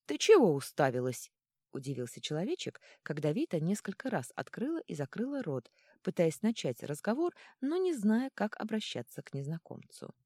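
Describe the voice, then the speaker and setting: Expressive woman narrating an audiobook. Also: fairly low pitch, moderate pace, no echo, studio quality. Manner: expressive reading.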